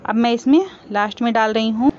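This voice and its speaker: A woman hosting a cooking channel, calmly explaining each step of a home recipe in a voice-over. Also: on the high side, brisk. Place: home kitchen. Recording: slightly dull home recording with faint background hiss.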